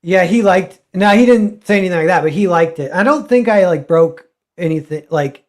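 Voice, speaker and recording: A man's voice: high voice, lively intonation, moderate pace, darkish tone. A man, a comic artist guest, talking casually and ramblingly with many fillers and restarts. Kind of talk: casual livestream chat.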